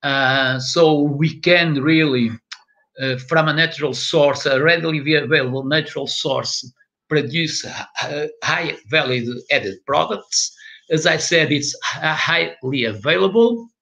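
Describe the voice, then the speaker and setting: A man's voice: a little high, unhurried, gravelly, pushed and bright. An older man from northern Portugal with a Portuguese accent gives an online lecture in English, hesitating and repeating words often. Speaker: professor. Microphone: webcam video call. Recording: lo-fi video call audio.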